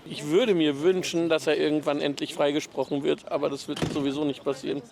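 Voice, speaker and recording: A man's voice: a little high, level tone, a little fast, creaky, background noise. A man giving brief plain answers in an outdoor interview. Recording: crowd chatter, distant.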